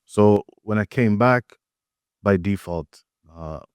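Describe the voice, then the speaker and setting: A deep-voiced guest artist born in Tanzania, whose first language is Swahili, tells stories in a casual interview at an art gallery. He speaks slowly and smoothly, reflective and relaxed with frequent fillers, in clean studio-quality audio with no echo.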